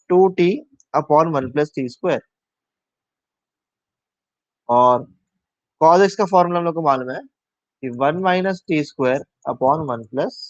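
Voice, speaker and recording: A man's voice: a little high, no echo. A man teaching a live online maths class, talking through each step aloud, mixing English maths terms into Hindi and asking his students questions. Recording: dull, dry lo-fi sound.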